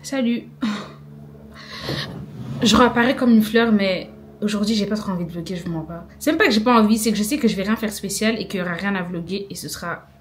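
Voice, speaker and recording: A woman's voice: medium pitch, fast talker, a little hiss or hum. Young girl rambling to her little camera, chatty and joking about herself. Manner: chatty, rambling, self-mocking. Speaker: vlogger. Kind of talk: casual vlog chat to camera. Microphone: small handheld camera.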